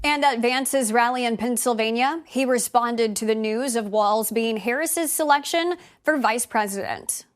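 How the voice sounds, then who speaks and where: A woman's voice: on the high side, a little slow, hardly any pauses. A woman presenting news headlines as scripted narration.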